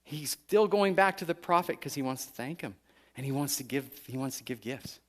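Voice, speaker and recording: A middle-aged male pastor preaching in a conversational way, often asking "right?" and acting out the people in the story. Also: a little fast. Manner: animated, conversational preaching with frequent "right?" asides; acts out the story's figures with raised pitch. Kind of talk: sermon.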